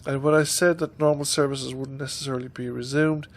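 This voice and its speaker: An Irish YouTuber in his fifties, his nose stuffed up from a head cold, gives a casual vlog update into a stand-mounted desk microphone. His voice sits at a medium pitch with a flat, brisk delivery, and he rambles hesitantly, dropping plenty of ums.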